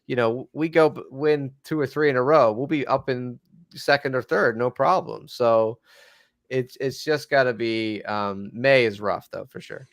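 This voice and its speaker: A man's voice: medium pitch, measured pace, dry recording, clean studio sound. A man co-hosting a soccer fan talk show, talking casually and earnestly, defending his team with many restarts. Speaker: podcast co-host.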